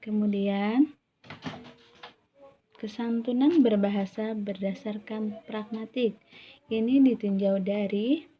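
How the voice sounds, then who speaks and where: Young woman student presenting class material, steady and explanatory, recorded on a dull lo-fi mic with faint noise. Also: mid-range voice. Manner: measured, explanatory, with self-corrections.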